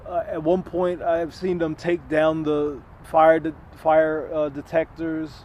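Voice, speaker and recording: A man's voice: fairly high pitch, level tone, takes it slowly, muffled recording. A man talking through his own story in an earnest, rambling monologue, often restarting and repeating words. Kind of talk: unscripted personal monologue.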